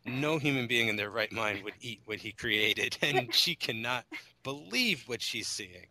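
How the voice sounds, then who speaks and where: A man's voice: mid-range voice, animated, measured pace, background noise. A man co-hosting a movie podcast, recapping the plot in a storytelling way. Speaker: podcast co-host. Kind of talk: casual movie chat.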